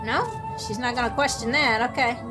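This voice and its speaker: Woman let's-player, sarcastic, swears, high lively voice, game music behind. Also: normal speed. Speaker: gameplay commentator. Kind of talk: casual let's-play commentary.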